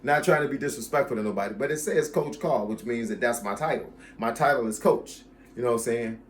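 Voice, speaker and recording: A fitness coach in his fifties talks straight to his viewers in a steady, mid-pitched voice. He hammers home each point by saying it again, with an easy, casual warmth toward his audience. A faint hiss sits under the recording. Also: fairly quick. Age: 50s. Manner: emphatic, repeats key phrases, addresses viewers as y'all. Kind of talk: casual talk to camera about his channel.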